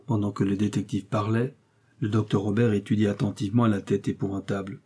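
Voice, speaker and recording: A man narrating a novel as an audiobook in a steady storytelling manner. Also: fairly low pitch, brisk, slightly rough. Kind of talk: scripted narration.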